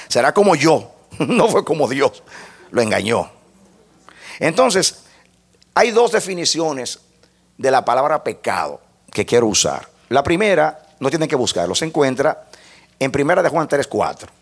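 A man with a medium-pitched, very animated voice preaches a sermon at normal speed. He teaches step by step like a lesson, spelling out points and asking the congregation to repeat phrases after him.

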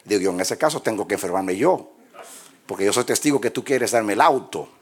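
A man in his sixties or older, a pastor, preaching a sermon in a soft, low-key storytelling voice in a church. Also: expressive, a little fast, husky.

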